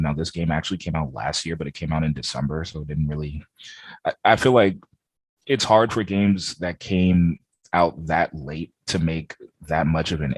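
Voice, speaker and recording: A man's voice: very deep voice, husky, no echo. A man co-hosting a gaming podcast, talking casually and rambling with lots of fillers over a remote call. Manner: relaxed, rambling with many "like" fillers. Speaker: podcast co-host.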